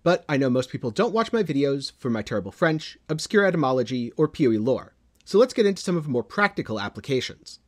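Reading scripted gaming news, this male channel host keeps a measured, sing-song delivery. He lets the ends of his phrases fall low and dramatic.

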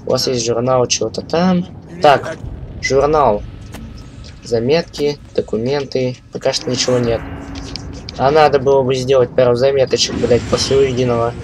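A man's voice: mid-range voice, fairly even intonation, normal speed, background noise. Man with burred r's, game streaming. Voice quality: burr, has trouble pronouncing his r sounds. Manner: profane, stumbles while reading aloud. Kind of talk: casual gaming commentary, reading on-screen text aloud.

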